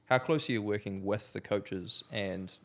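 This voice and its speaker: A man's voice: lowish voice, unhurried. A man hosting a podcast, who asks his guest follow-up questions in an appreciative way. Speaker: podcast host. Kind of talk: interviewing a guest.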